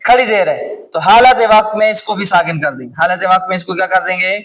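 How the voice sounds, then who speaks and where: A man with a Pakistani Urdu accent teaching a class on reading the Quran. He slowly repeats words over and over, quizzes his students, and sometimes calls out loudly. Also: high voice. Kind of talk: classroom lesson on Quranic recitation rules. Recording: distant mic with clear background noise.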